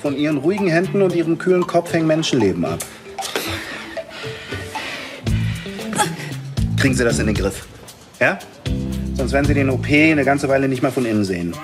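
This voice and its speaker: An actor playing a composed, demanding surgeon in a TV drama, with a calm, authoritative manner. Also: male voice, mid-range voice, fast talker, music in the background, lightly acted. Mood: stern. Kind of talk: naturalistic TV hospital drama.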